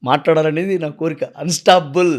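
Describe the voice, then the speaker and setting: A man speaking, chatting as a guest in an interview. He tells his stories in an animated way. His voice sits slightly high for a man. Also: a little fast. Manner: animated storyteller, bursts into loud speech-like impressions. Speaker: actor and mimicry artist, interview guest. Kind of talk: casual interview chat with impressions.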